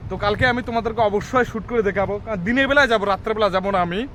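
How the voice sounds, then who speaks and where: A man's voice: high-pitched, very fast, a bit bright. A man from India vlogging casually as he walks around, chatting to his viewers with lots of filler words. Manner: chatty, addresses viewers as guys, many fillers. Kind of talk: casual walking vlog. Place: outdoors in a city, then inside a large mosque. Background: traffic and city ambience.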